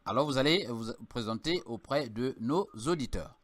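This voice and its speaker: A man's voice: mid-range voice, lively intonation, fairly bright tone, no room sound. Formal male radio host, dry close sound. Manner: measured, formal questioning. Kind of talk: call-in radio hosting.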